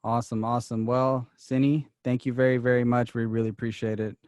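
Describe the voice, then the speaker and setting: A young man hosts a casual podcast, tossing out quick questions in a relaxed manner. His voice sits at a middle pitch for a man. The sound is close and dry, with no room echo. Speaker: podcast host.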